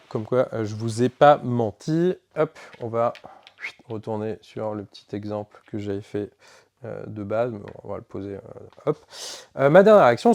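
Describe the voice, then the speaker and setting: Man, game shop presenter, casual rules walkthrough, middle pitch. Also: darkish tone. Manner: casual, filler-heavy walkthrough with self-corrections.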